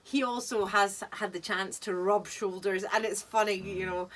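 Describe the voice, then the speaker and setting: A woman's voice: mid-range voice, steady tone, moderate pace, fairly bright tone. A woman in casual, effusive chat, telling anecdotes in a talkative way. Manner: effusive, chatty. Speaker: distillery tour guide and podcast co-host. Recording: distant mic, noisy room ambience.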